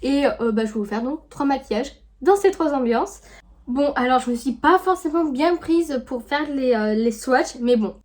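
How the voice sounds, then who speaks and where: This woman, a beauty vlogger, talks through her makeup tutorial at a moderate pace in an animated, high-sitting voice. Her chatter is casual and full of fillers, and it sinks to a gentle murmur as she applies her makeup.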